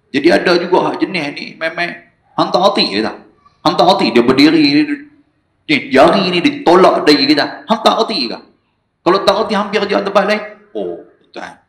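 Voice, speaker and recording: A man with a northern Malaysian Malay accent preaches an evening lecture in a small prayer hall. His voice sits a touch high and swings from low, hushed asides up to raised exclamations as he tells his stories. The sound comes back off the walls of an echoey hall. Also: very animated, moderate pace. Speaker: religious lecturer.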